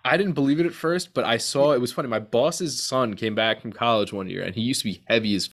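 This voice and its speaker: A man's voice: medium pitch, quick pace, a bit bright. A man hosting a podcast in casual, colloquial chat, talking like he's with a buddy. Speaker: podcast host.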